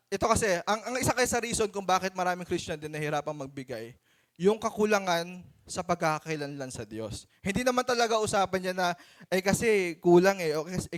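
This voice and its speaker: A Filipino man with a slightly high voice preaches a sermon to his church. His delivery is conversational and animated, and he acts out the stories he tells.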